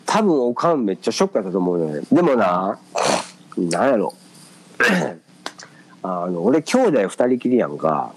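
A man's voice: fairly low pitch, unhurried, pauses often, slight background noise, low-quality recording. Kansai guy telling a story, lots of um and uh, really swingy voice. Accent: Kansai Japanese. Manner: hesitant, many fillers; animated storytelling. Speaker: podcast co-host. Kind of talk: casual chat.

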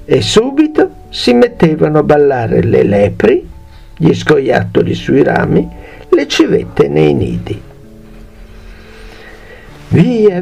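A man narrating a fairy tale for children in a lively sing-song manner. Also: a little high, creaky. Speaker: storyteller.

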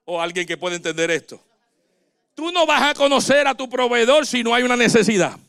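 Man, pastor, sermon, high voice, animated preaching. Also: brisk, creaky, smooth. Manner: animated preaching with quoted dialogue.

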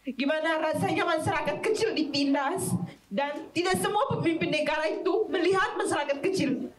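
Young woman, earnest, high voice, echoey hall, far from mic. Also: moderate pace. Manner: earnest, refers to herself by name. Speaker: youth event participant.

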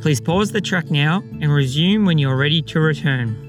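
Higher-pitched male announcer over guitar music. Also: moderate pace. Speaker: podcast announcer. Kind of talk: scripted podcast announcement.

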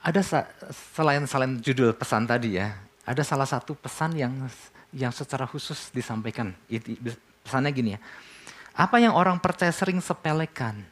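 Pastor preaching conversationally. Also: male voice, mid-range voice, animated, moderate pace, a bit bright. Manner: conversational preaching, asks the congregation questions and answers them. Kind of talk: sermon.

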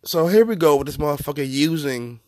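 A man hosting a podcast, giving profane, mocking comedic commentary in an animated way. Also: on the high side, fairly quick, no room sound, clean studio sound. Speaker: podcast host.

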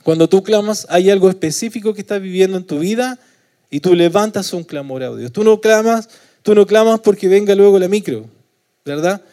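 A Chilean man delivering a sermon, his tone dark and mellow, sitting a little higher than a typical male voice. He keeps asking his listeners for agreement with short tag questions. When he acts out prayers he gets loud and pleading, then falls soft at the ends of his phrases. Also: a little fast. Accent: Chilean Spanish. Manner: asks the congregation for agreement with frequent tag questions. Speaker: preacher.

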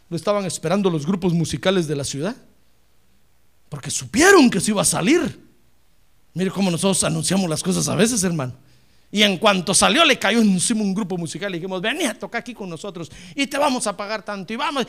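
A male pastor preaching a sermon, telling stories and rising to shouted praise. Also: sits high.

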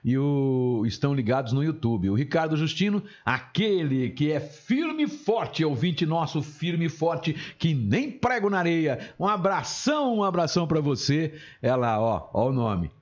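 A man's voice: fairly high pitch, big pitch swings, a little slow, hardly any pauses. A man hosting a live show, teasing his co-host in a joking, playful way. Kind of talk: joking live broadcast chat. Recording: dull lo-fi broadcast audio.

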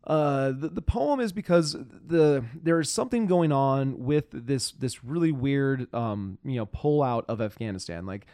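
A man hosting a political chat show, talking in frustrated, profane bursts that stall and restart as he hunts for words. His voice is mid-pitched and sits close and dry on the mic, with no room sound around it. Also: expressive, a little slow, hardly any pauses, warm tone, clean tone, no echo. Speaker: podcast host.

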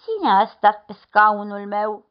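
A woman voicing a middle-sized storybook bear who complains slowly and loudly, in a dull lo-fi recording. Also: medium pitch, lively intonation, natural voice. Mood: complaining. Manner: slow, loud, somewhat thinner voice.

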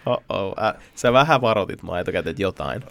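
A chatty man hosts a casual podcast conversation, his lowish voice swinging up and down with real animation. He laughs easily and exclaims freely. The sound is close and dry, with no room around it. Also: animated, gravelly, fairly bright tone, no room sound. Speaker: podcast host.

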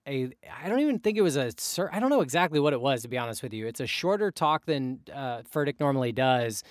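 A young man co-hosting a casual podcast, talking in a relaxed, rambling way with plenty of fillers and restarts. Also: mid-range voice, no room sound, clean studio sound. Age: young adult. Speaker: podcast co-host.

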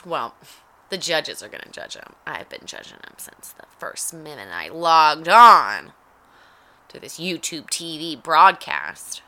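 Young woman, home mic, lowish crisp voice, sarcastic running commentary on a cooking show. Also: sing-song, measured pace, pushed and bright. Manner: wry, sarcastic running narration. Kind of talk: casual play-by-play commentary. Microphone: home recording mic.

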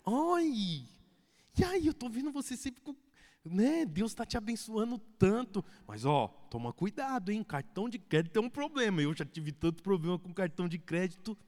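A man's voice: high-pitched, moderate pace. A man doing a sweet, coaxing lady cell leader. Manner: soft, coaxing, flattering. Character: gentle woman cell leader, sweetly advising. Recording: echoey hall reverb.

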